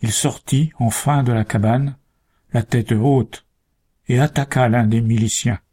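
Male narrator, slow unhurried reading, dark mellow tone, storybook. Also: mid-range voice, steady tone, husky.

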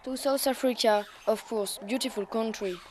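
Schoolgirl as talking female giraffe, school play, friendly, high-ish voice. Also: normal speed, a little hiss or hum, natural voice.

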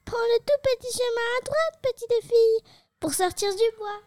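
Un homme qui joue un tout petit ourson gentil dans un conte, d'une voix très aiguë et chantante. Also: male voice, dry recording. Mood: eager. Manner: squeaky, sing-song, slow. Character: tiny gentle baby bear, small and kind.

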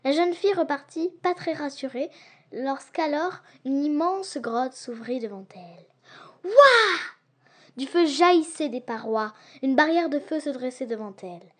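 A woman narrates an adventure audiobook with a high, clear voice. Her reading is lively and expressive, leaning into each turn of the tale. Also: normal speed. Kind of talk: storybook narration.

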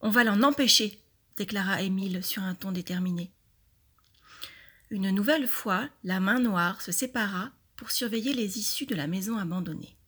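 A woman reading a children's mystery story aloud for schoolchildren, clear and expressive. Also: medium pitch, moderate pace.

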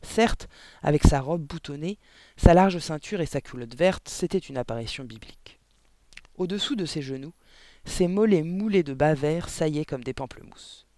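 A man reading a children's novel aloud with lively, dramatic storytelling. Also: fairly high pitch, normal speed, no echo. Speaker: audiobook narrator. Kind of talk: expressive audiobook narration.

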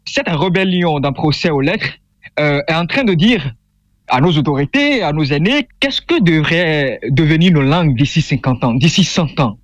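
In this interview, the young Beninese author pauses and hesitates often while he explains himself earnestly; his first language is Fongbe. His pitch leans high with a lively melody, he keeps a moderate pace, and the audio is dry and muffled.

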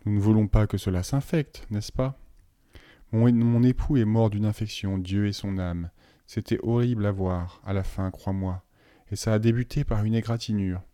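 A man's voice: lowish voice, fairly even intonation, moderate pace, mellow, dry recording, studio quality, close to an everyday voice. A man voicing a fussy, chatty, authoritative woman school matron. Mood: fussing.

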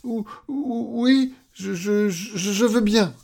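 A man voicing a timid little man who panics and shrieks high, stammering when frightened. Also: unhurried, gravelly, heavily acted.

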